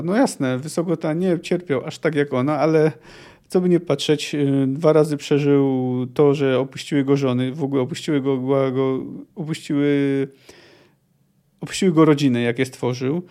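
A man hosting a book podcast, musing casually and stopping often to restart his sentences. His voice sits a little high for a man, yet the tone is dark and mellow. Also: moderate pace. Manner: thinking aloud with many restarts and fillers. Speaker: podcast host discussing a book.

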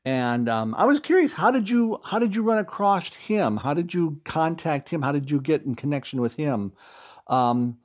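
His pitch sits fairly high and swings widely, though his speed stays normal. This Fort Wayne, Indiana native, a middle-aged American who creates audio dramas and acts on stage, is an interview guest telling stories with emphatic stresses.

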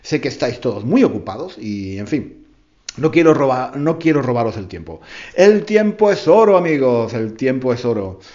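Telling a playful tall tale to language learners on his podcast, the host, whose first language is Spanish, repeats phrases for emphasis. He speaks at a moderate pace in a mid-range, slightly mellow voice with big pitch swings, and the highs are cut off.

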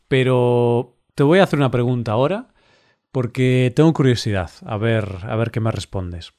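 Slow-spoken man co-hosting. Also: mid-range voice, darkish tone. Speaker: podcast co-host. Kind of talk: casual podcast chat.

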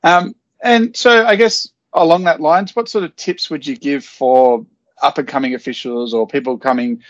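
A man hosts a podcast interview, asking short follow-up questions in a casual, friendly manner. His voice is fairly high and moves at normal speed. The recording is dry, with no echo, and slightly muffled.

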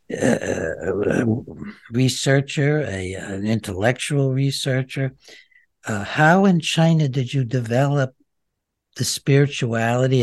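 A man asks an interview guest long, meandering questions, restarting his sentences as he goes, with a friendly, easygoing air. His voice has a middling pitch for a man. The recording is dry and close, with no echo. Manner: warm, rambling questions with restarts. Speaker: interviewer, host.

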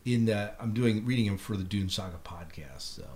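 In a lowish, slightly mellow voice that runs a little fast, a middle-aged American podcast host chats casually about shows, films and his recent reading. The podcast recording is clearly noisy.

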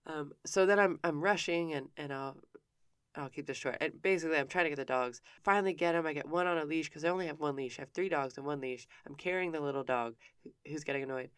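A woman's voice: low voice, fast talker, a bit bright, clear, resonant tone, no room sound, clean studio sound. Frank woman telling a personal story. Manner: candid, frank with casual swearing; self-interrupting with frequent restarts. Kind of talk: personal story told conversationally.

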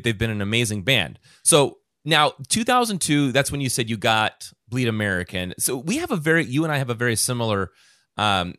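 A middle-aged man hosting a podcast, chatting casually with many halting restarts. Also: lowish voice, sharp tone, smooth, no room sound, studio quality. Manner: halting, restarts often, friendly questions. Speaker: podcast host.

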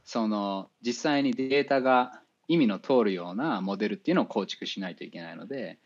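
Man, low voice, hesitant, many fillers, engineer guest, casual interview, lo-fi audio. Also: brisk. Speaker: spacecraft navigation engineer. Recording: dull lo-fi audio.

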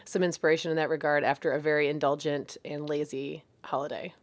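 A woman with an American accent co-hosts a casual podcast. Her voice is a little hoarse and sits somewhat low. She talks quickly and conversationally. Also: flat delivery. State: slightly hoarse voice. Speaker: podcast co-host.

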